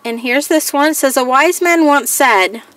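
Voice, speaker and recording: A woman's voice: high-pitched, normal speed, a bit bright, no room sound. A woman crafting vlogger chatting casually through a haul, reading each item aloud in a plain, listing way. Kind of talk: casual haul show-and-tell.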